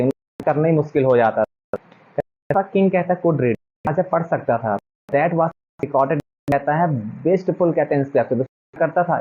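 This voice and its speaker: A young adult man teaching a class, explaining a textbook chapter in casual talk that mixes in English phrases and asks many rhetorical questions. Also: fairly high pitch. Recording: dull lo-fi recording.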